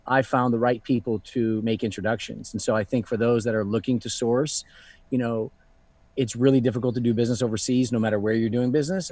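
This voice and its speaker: Guesting on a casual live online Q&A, a luxury fashion founder in his thirties reflects in a relaxed way and leans often on "you know." His voice is lowish and slightly mellow.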